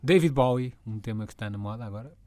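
A man hosting a casual podcast chat, joking and rambling with quick asides. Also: mid-range voice, a little mellow.

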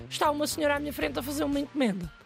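A young woman with a European Portuguese accent telling a self-mocking comic story in a lively, animated way. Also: sits high, very fast, vocal fry, over music. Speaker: guest storyteller. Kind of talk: comic anecdote, casual chat.

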